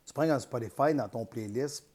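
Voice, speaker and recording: A man's voice: medium pitch, normal speed, a little mellow, husky. A man with a Quebec French accent, a guest on a comedy podcast, telling rambling, self-mocking stories in casual chat.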